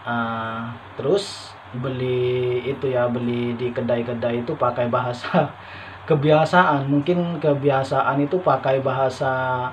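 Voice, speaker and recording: A man's voice: medium pitch, fairly even intonation, takes it slowly. A man from Madura with a Madurese Indonesian accent that carries Malaysian Malay words, talking casually to his vlog viewers and rambling through restarts and fillers. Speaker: vlogger. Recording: dull lo-fi sound with faint noise.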